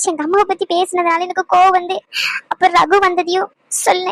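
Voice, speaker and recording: A woman doing a tearful young wife in a cartoon, halting and upset while crying. The voice is very high and the sound is dry and close. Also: fairly bright tone, dry recording, low-quality recording.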